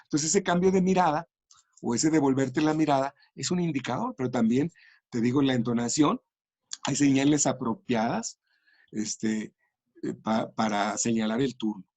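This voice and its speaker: Husky-voiced man explaining patiently. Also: medium pitch, moderate pace, a little mellow, dry recording. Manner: thoughtful, with fillers and restarts. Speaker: education and language researcher. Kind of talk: explanatory interview talk.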